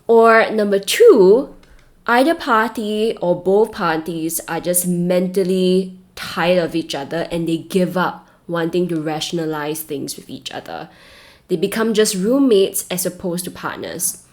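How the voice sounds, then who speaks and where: Lower-voiced Singaporean woman giving advice. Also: measured pace. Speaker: relationship advice host. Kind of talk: scripted advice talk to camera.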